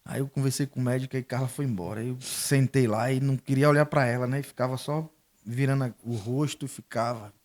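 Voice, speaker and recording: A man's voice: medium pitch, fairly even intonation, fast, a little mellow. Middle-aged man giving a testimony. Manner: storytelling, acting out quoted dialogue. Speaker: guest. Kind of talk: emotional faith testimony.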